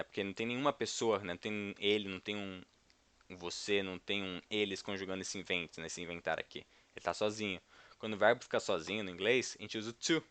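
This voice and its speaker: A man's voice: lowish voice, a bit bright, no room sound. A man with a Brazilian Portuguese accent giving an informal English lesson, explaining step by step and checking in with the viewer. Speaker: English teacher.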